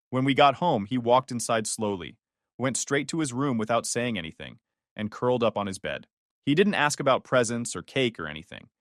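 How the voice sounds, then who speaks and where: Male storyteller, even and measured, with a lively melody and a dry, close sound. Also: mid-range voice, no room sound. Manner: calm, measured telling with voiced quotes. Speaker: narrator. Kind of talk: first-person story narration.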